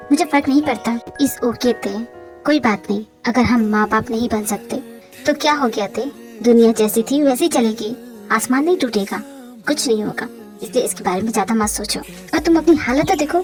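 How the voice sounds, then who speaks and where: A woman voicing a gentle young husband who comforts his wife in soft, soothing tones in a fan-dubbed romantic audio drama. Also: a little high, moderate pace, faint music behind, pitched below the performer's own voice, close to an everyday voice. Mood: reassuring.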